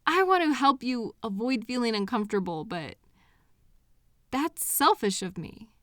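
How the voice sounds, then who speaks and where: Playing a devoted, patient girlfriend in an intimate audio roleplay, a woman comforts an anxious partner in a slightly high, bright voice with lively intonation. She lingers over each phrase with unhurried pauses and sighs, sounding tender, earnest and reassuring. The recording is very dry and close, with no echo or room sound at all.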